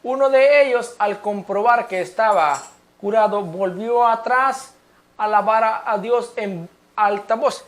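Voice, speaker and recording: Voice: medium pitch, a little slow. Emphatic preacher firing rhetorical questions. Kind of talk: apologetics sermon video.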